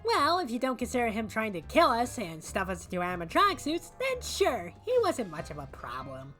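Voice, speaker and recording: A woman's voice: a little high, wildly swooping pitch, fairly quick, bright, forceful tone, faint music behind, full character voice. A woman voicing a hyperkinetic, gleefully violent cartoon rabbit in a fan animation, wisecracking and flippant.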